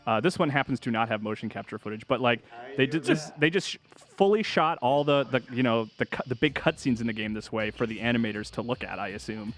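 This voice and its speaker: A video game journalist hosts a game show segment, explaining gameplay in a casual, enthusiastic chat with running commentary. He has a mid-range, slightly bright voice and talks fast.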